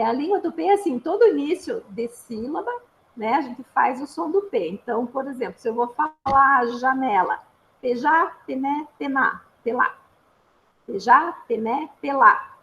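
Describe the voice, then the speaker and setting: A woman with a high voice and a Brazilian Portuguese accent, heard on a muffled recording. She's a speech therapist explaining things in an informal, patient way, often adding little tag questions.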